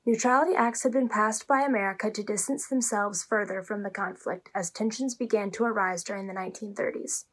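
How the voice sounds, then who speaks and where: A young woman narrating a student history video in a steady, read-aloud manner. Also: mid-range voice, fairly quick, few pauses. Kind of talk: scripted narration.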